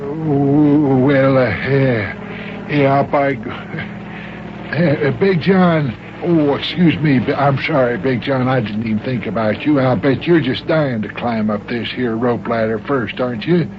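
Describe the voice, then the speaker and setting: A man's voice: medium pitch, measured pace, natural voice. A man playing a timid, self-important older mayor, folksy and hesitant, stammering in a children's radio serial. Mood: evasive, blustering. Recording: noisy, muffled old radio recording.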